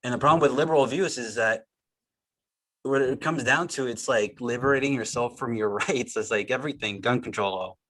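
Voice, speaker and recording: A man's voice: mid-range voice, normal speed, fairly bright tone, rough recording. A man co-hosting a podcast, chatting casually over a video call, rambling with lots of fillers and restarts. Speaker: podcast co-host. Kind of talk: casual group discussion. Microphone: remote video call.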